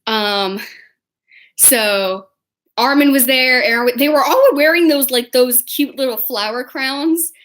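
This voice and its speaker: Young woman rambling about con stories, slow and excited, higher voice, talks right into her camera. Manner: chatty, excitable, acts out quotes in different voices. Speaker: vlogger. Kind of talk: casual storytelling vlog.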